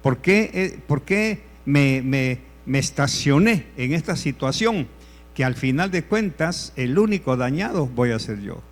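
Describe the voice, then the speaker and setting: A male pastor preaching a sermon, repeating his points emphatically and swinging between loud and hushed delivery. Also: medium pitch, expressive, measured pace. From El Salvador.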